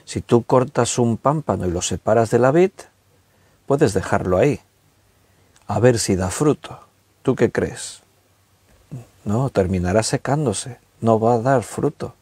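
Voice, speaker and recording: Male preacher, mid pitch, chatty sermon delivery with slow emphatic words, dry close sound. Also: animated, darkish tone, husky, no room sound. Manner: conversational, stretches key words slowly for emphasis. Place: recorded at home with a tablet.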